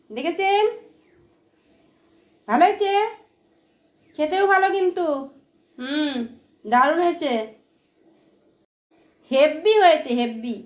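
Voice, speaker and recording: Brief: middle-aged woman, high voice, chatty home-cooking vlogger, echoey kitchen. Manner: chatty, often asks "all right?" to viewers. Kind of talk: casual home vlog chat.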